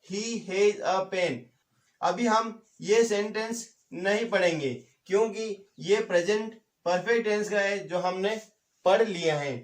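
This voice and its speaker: A man with a fairly high voice teaches an online English grammar class. He works through each point step by step, poses questions and answers them himself, and slows down to repeat key examples so students can write them down. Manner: repeats key examples slowly for note-taking.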